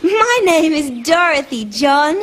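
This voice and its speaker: A cheerful female dinosaur friend from a children's show, pitched extremely high and full of lilting movement. She takes her time, shaping simple words carefully in a kindly sing-song for small children. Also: sing-song, takes it slowly, a bit bright, a little hiss or hum, full character voice. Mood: friendly, organizing. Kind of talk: children's show character presenting to young viewers.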